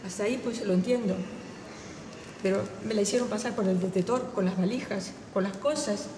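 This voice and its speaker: A woman playing a polite, gentle, grieving middle-aged traveller in naturalistic film dialogue. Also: medium pitch, fairly quick, close to an everyday voice. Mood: sad, subdued. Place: large, bare indoor waiting lounge. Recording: very echoey, distant, noisy hall.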